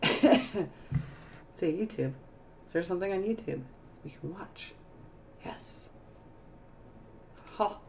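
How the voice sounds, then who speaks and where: A woman streamer chatting casually on a live stream, tired and a bit hoarse, rambling as she searches for words. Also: fairly low pitch, animated, takes it slowly, pauses often, a little hiss or hum. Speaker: game streamer.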